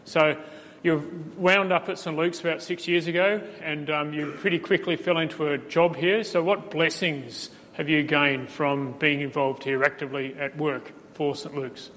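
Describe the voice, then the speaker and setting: A man interviews a church member in a gentle, affirming way, recorded in a church with a long reverb. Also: fairly high pitch, steady tone, moderate pace.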